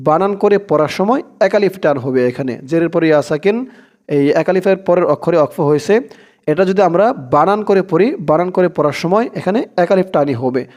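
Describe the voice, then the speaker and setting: High-voiced Bengali Quran teacher. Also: male voice, darkish tone. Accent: Bangladeshi Bengali. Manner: slow drawn-out chanting of verses between brisk explanations. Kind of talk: spelling-out recitation lesson.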